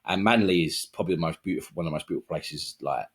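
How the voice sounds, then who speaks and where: Deep, husky Englishman in his thirties. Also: rapid-fire. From Kent, England. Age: 30s. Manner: rambling, relaxed, many fillers and restarts. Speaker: podcast guest. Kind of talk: casual storytelling interview.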